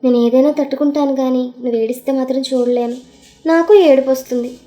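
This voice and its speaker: Lady reading as young husband, teasing and sweet, mellow tone. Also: sits high, steady tone, a little fast, lightly acted. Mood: tender teasing. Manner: teasing, affectionate. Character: young man, loving playful husband.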